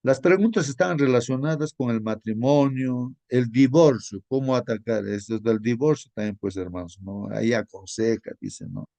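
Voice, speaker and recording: Gravelly man teaching in rambling style. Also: medium pitch, normal speed, hardly any pauses, warm tone, dry recording. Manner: rambling, with many fillers and tag questions. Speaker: Bible study leader. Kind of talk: informal Bible study teaching.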